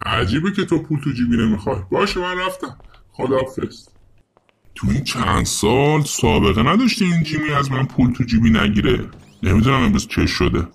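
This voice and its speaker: A man's voice: fairly high pitch, huge pitch swings, gravelly, noisy background, exaggerated voice. A man voicing a nagging, suspicious middle-aged father in a fan dub of a game video.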